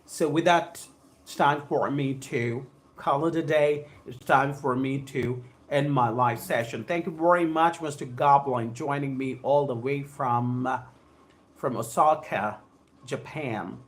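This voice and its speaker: This is a spoken English trainer from Andhra Pradesh, India, running a live stream in an unhurried, medium-pitched voice. With his South Indian accent, he reads aloud and speaks to viewers formally and effusively, saying phrases more than once.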